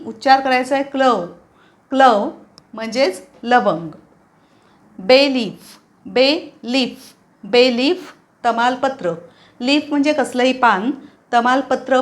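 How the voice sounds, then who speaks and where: A woman teaching English words to learners, saying each one several times in a patient, steady way. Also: high voice. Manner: patient, repeats each word slowly for learners. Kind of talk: vocabulary lesson with repetition drills.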